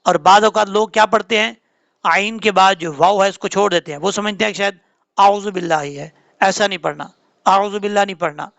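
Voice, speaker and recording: Male tajweed teacher. High, gravelly voice in a dry room. He alternates brisk explanation with slow chanted recitation. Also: fairly bright tone, dry recording, muffled recording. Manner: patient, drawn-out chanted recitation between quick explanations. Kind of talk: tajweed lesson, spelling out letters and reciting slowly.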